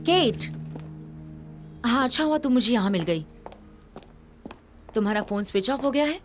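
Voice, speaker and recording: A woman's voice: on the high side, lively intonation, normal speed, close to an everyday voice. A woman dubbing an eager, loyal young colleague who speaks in a supportive way. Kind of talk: Hindi movie dub. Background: background music.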